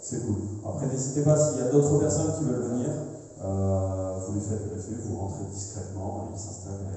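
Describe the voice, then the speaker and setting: A man in his forties with a southern French accent warms up a live audience, jokey and chatty. His voice is dark and mellow. He is picked up from far off in a hall with long, heavy reverb. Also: lowish voice, steady tone, moderate pace. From southern France. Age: 40s. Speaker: event host introducing the presenter. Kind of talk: live public presentation. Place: large echoing hall, recorded from a distance. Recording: distant, echoey hall recording.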